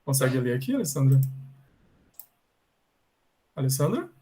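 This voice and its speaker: Brazilian male English teacher, mid-pitched and slow, patient and repetitive, heard over a video call. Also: big pitch swings, warm tone, husky, rough recording. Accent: Brazilian Portuguese. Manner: patient, repetitive, checks in often with students. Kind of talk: bilingual online English class.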